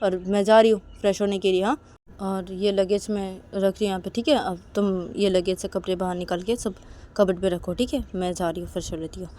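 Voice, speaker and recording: A woman voicing a stubborn young woman who refuses loudly and sharply. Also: medium pitch, steady tone, a little fast, lightly acted. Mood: defiant. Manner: loud, sharp and defiant.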